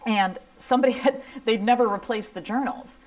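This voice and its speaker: A woman's voice: a little high, a little fast, dry recording, far from the mic, low-quality recording. Earnest woman telling her story from afar. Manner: earnest storytelling, acts out quoted dialogue. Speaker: speaker giving a talk. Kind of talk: personal testimony talk. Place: lecture room.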